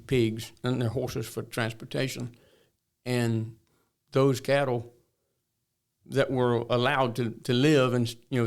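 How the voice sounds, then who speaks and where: Older man with a creaky rural Florida drawl. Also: medium pitch, darkish tone. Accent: rural Southern US, Florida drawl. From north Florida. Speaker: interview guest, cattleman. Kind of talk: storytelling interview talk.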